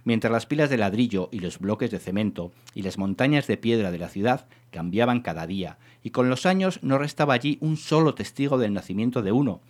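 Man reading a story with lively pitch. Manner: measured, expressive storytelling reading. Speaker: reader of a literary story. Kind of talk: scripted literary narration.

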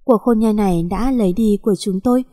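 A woman narrating a first-person story in a calm, even reading voice. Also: medium pitch, fairly quick.

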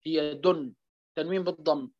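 Low-voiced woman teaching Quran recitation. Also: fairly even intonation, moderate pace, no room sound. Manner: asks a question then answers it herself, repeating key terms; checks understanding with frequent rhetorical prompts. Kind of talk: tajweed lesson. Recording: dull lo-fi dry recording.

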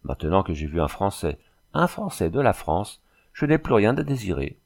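Brief: male narrator doing a proud, reverent native warrior, grave and formal, gravelly low tone. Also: sing-song, moderate pace, darkish tone, heavily acted. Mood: solemn.

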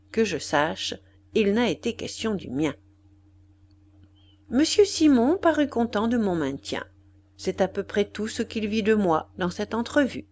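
A woman narrating an audiobook of a classic memoir, in an expressive, measured literary reading. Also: on the low side, slight background noise.

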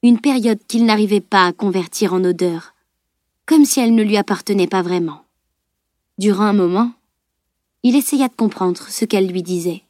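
A woman narrating a novel aloud as an audiobook reader, in a measured storytelling tone. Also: medium pitch, darkish tone, no echo, clean studio sound. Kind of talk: scripted narration.

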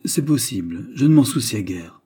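A man reading aloud, voicing a nervous, quick-tempered young woman in a brisk, agitated way. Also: on the low side, animated, dark tone, husky, heavily acted. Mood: curt, irritated.

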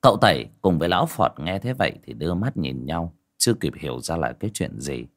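Expressive male audio-story narrator. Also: low voice, fairly quick. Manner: expressive, dramatic reading.

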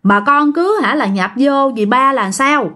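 A gentle older uncle, as a woman puts him on. He coaxes with soft questions in a warm storytelling tone. The voice stays high, close to the narrator's own. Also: expressive, measured pace, heavily acted. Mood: coaxing.

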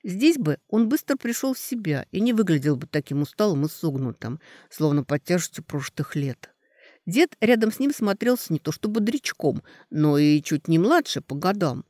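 A man narrating a novel as an expressive audiobook reading. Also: on the high side, moderate pace, dry recording, studio quality.

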